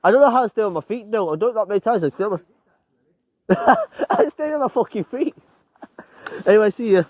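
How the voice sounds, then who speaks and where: This eighteen-year-old guy vlogs outdoors in the snow on a road, rambling with plenty of swearing and laughter. His high voice swoops wildly in pitch, moving briskly with a darkish tone, and the recording is dry.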